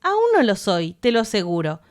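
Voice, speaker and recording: Woman reading a playful young ship's officer, upbeat and bright. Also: mid-range voice, sing-song, moderate pace, lightly acted. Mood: teasing.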